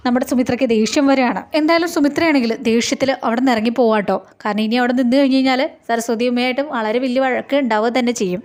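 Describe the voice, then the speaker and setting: Fast-talking chatty woman retelling a serial. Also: on the high side. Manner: chatty storyteller, keeps adding friendly tag words. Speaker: TV serial episode reviewer. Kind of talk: casual retelling of a TV serial episode.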